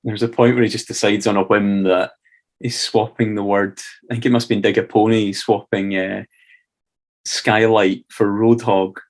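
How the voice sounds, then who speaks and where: Low-voiced Scottish man, easygoing chat. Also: little pitch movement, moderate pace. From Scotland. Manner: easygoing, hedging with "sort of" and "kind of". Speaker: podcast co-host. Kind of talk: casual chat.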